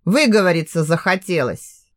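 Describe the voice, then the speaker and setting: Brief: cold, growling male cop villain, played by a female narrator, dropped low. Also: sing-song, normal speed. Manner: harsh, growling. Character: ruthless middle-aged male police captain.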